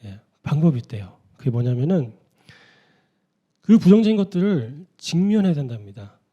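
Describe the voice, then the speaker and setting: A man's voice: fairly high pitch, big pitch swings, normal speed, mellow, dull audio. A man preaching an early-morning sermon in a conversational way, often putting rhetorical questions to his listeners. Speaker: pastor.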